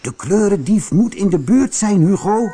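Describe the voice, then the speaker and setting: A man voicing an excited young girl, high and urgent. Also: normal speed, a little hiss or hum.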